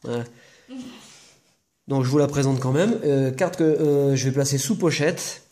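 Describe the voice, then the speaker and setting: A man's voice: medium pitch, a little slow, warm tone. A man hosting a casual unboxing video, talking to viewers in a chatty, rambling way with jokey asides. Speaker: video host opening trading-card boxes.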